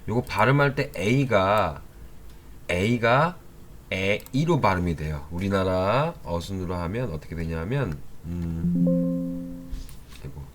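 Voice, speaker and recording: A man's voice: deep voice, slow, over music. A man teaching an English grammar lesson online, reading example sentences aloud and checking back with his learners as he goes. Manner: explains while typing, reads English example sentences aloud; lively, with many rising questions to the learners.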